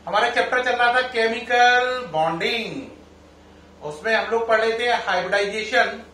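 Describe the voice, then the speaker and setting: High-voiced male chemistry teacher lecturing. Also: normal speed, slight background noise. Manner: addresses students warmly as children, quizzes them. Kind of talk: classroom lecture. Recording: echoey room, mic at a distance.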